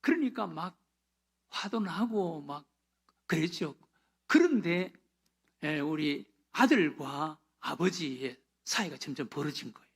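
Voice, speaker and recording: A pastor preaching a sermon, swinging from loud emphasis down to hushed whispers and dropping short affirmations between phrases. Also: mid-range voice, animated, takes it slowly, breathy edge.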